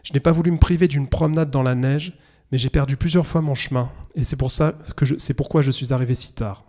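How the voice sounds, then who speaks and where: A weary but composed land surveyor who answers calmly and quietly, as a man reads him aloud in a storybook reading. The voice is mellow and warm, measured and unhurried. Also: close to an everyday voice. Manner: calm, low-voiced, measured.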